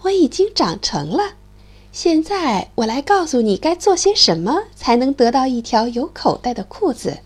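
A woman's voice: high voice, big pitch swings, normal speed, slightly rough, full character voice. A woman voicing a sighing, demanding flax plant in a children's story. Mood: plaintive. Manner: sighing, drawn out.

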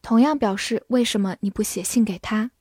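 A woman teacher giving a vocabulary lesson, who spells each word letter by letter and reads the example sentences slowly. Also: mid-range voice, a little mellow, no echo, clean studio sound. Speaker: English teacher.

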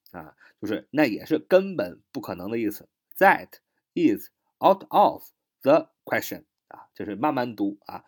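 Husky, lively male English teacher. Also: medium pitch. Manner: repeats English phrases slowly and spells words out letter by letter; animated, acts out exclamations. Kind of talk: spoken English lesson in Chinese.

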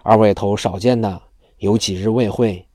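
A man voicing a talkative, gossipy male tavern waiter in a storybook reading, with a low, dark voice. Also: fairly even intonation, moderate pace, no echo, clean studio sound, close to an everyday voice.

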